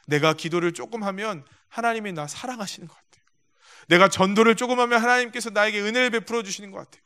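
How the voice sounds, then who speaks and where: Talking fast in a high, pushed, bright voice with a clean tone, a man preaches in a church sanctuary. He tells stories, acting out the quotes, and speaks directly to the people gathered in front of him.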